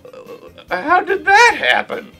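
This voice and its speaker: Man playing a slow, theatrical horror host. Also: mid-range voice, very animated, soft background music. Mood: mock-incredulous. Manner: horror host, slow deliberate mock-solemn delivery. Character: Dr. Torpor, theatrical horror host commenting on old films. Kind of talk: scripted mock review.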